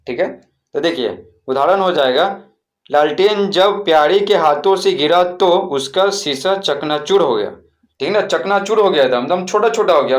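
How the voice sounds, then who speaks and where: A man teaches young students a textbook lesson. His voice sits a little high, and he keeps repeating words and checking that everyone is following along. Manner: repeats words and asks rhetorical checks often. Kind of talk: explaining a school textbook lesson.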